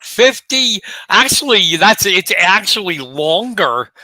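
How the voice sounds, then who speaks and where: A man's voice: high-pitched, very animated, slow pace, sharp tone, no echo. A man in his late fifties co-hosting a casual sports talk show, chatty and joking with rhetorical questions. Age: 50s. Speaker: co-host.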